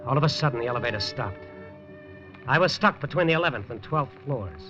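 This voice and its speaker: As lead narrator of a 1950s radio drama, an actor voices a hard-boiled newspaper reporter with clipped, dry wisecracks. He speaks fairly quickly and expressively in a natural, medium-pitched voice over loud music, on a dull broadcast recording.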